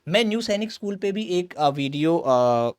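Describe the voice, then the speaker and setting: A man's voice: a little high, lively intonation, clean tone. Male coaching teacher, chatty explanatory pace. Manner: keeps checking in with "okay", frequent "uh" pauses. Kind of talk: explanatory lecture to students.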